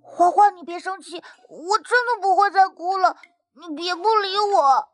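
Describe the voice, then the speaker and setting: A woman's voice: sits high, extremely slow, dark tone, dry recording, clean studio sound, heavily acted. A woman voicing a timid little crybaby boy who pleads hesitantly in an audio drama.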